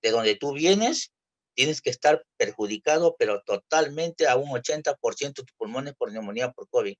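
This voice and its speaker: A man from Peru, giving an earnest personal testimony in church, halting and full of restarts. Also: mid-range voice, lively intonation. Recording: dull lo-fi church recording.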